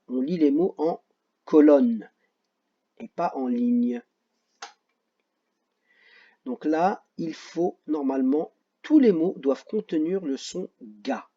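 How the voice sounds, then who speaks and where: A man with a French accent teaching a phonics lesson to children, slow and patient, repeating each word carefully and joking about his own memory. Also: on the high side, dark tone, breathy edge, muffled recording.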